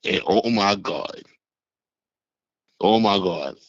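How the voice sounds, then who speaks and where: A man in his sixties calling in over the phone, telling a rambling, halting story from years past. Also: low voice, no echo. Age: 60s. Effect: heard over a phone line. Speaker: caller. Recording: muffled phone line.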